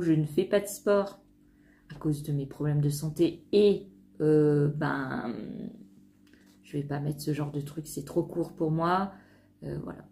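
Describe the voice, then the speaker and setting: A woman's voice: deep voice, warm tone. A woman vlogger talking casually to camera about sewing patterns, hesitant, with many fillers and restarts.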